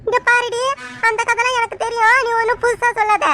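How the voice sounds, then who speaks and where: A woman voicing a loud, bossy village mother-in-law in a cartoon, shouting and nagging in village Tamil speech. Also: level tone, fairly quick, a little hiss or hum. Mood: scolding. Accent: Tamil Nadu village speech. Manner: shrill, bossy, shouts and nags. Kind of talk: cartoon dub acting.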